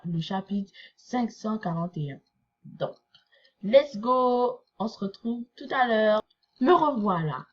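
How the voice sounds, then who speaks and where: A young Québécois woman from Quebec, Canada, who vlogs anime reactions, reads a manga chapter and reacts in a chatty, rambling way full of fillers and asides. Her medium-pitched voice is a little mellow, with the highs cut off and slight background noise.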